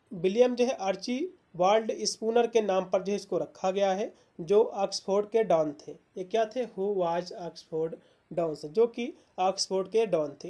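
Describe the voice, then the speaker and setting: A woman teacher explains literary terms in an exam-prep lecture, leaning on fillers and repeating herself. She reads English definitions slowly, one word at a time. Her voice is mellow and mid-pitched.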